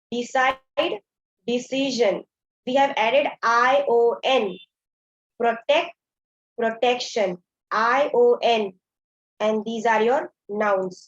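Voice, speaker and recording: Woman, grammar teacher, high voice, code-switches to Hindi, dull lo-fi recording. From India. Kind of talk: classroom lesson explaining grammar.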